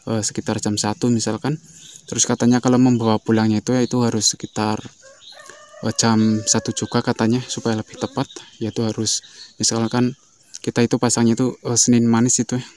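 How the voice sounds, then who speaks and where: A man hosting a beekeeping vlog, explaining in a casual, rambling way and often filling pauses with "eh" and "ya". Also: medium pitch. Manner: fast, flat, repeats fillers like "ya" and "eh". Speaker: beekeeping channel host.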